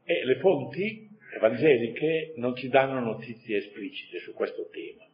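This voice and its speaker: A man's voice: mid-range voice, animated, unhurried, highs cut off. A man giving a catechism lesson in a conversational way, adding rhetorical asides and chuckling now and then. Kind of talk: catechesis talk.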